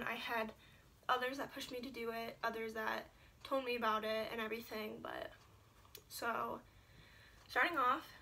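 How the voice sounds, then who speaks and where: A woman's voice: a little high, pushed and bright, a little hiss or hum. A young woman from Ohio, sitting at home and casually telling a long personal story to a camera set a little way off, filling her talk with "like" and "um". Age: young adult. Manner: chatty, lots of "like" and filler. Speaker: vlogger. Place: indoors at home, seated. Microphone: camera set a little far away.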